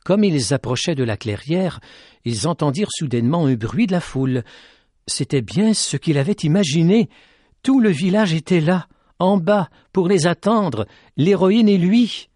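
A man narrating a tale in an expressive, dramatic reading style. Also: on the high side, moderate pace, no room sound, clean studio sound. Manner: dramatic, rising with tension. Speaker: storyteller.

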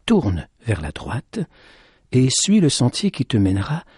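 A man voicing a wise older woman of the mountain in a storybook, speaking softly and slowly, often hushed. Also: mid-range voice, huge pitch swings, husky, no room sound, studio quality, full character voice. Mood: gentle. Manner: soft, slow, often hushed.

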